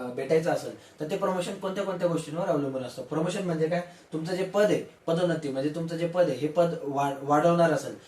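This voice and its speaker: A man's voice: fairly high pitch, a little mellow. A man teaching an exam-prep lesson, asking questions and answering them himself. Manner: explains slowly with everyday examples. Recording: roomy, distant mic.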